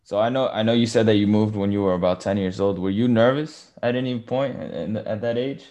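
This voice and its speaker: A man's voice: fairly low pitch, fairly quick, dark tone, dull audio. A man hosting an interview show, speaking informally and chummily as he puts questions to his guest. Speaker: podcast host and interviewer.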